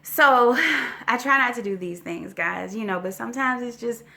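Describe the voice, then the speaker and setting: Lady in her 40s telling a story to her viewers, kinda winded, crisp bright voice, keeps saying okay. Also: a little high, lively intonation, moderate pace. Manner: chatty, talks straight to viewers with frequent "okay?" and "you know". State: slightly winded. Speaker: vlogger. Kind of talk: casual storytelling vlog.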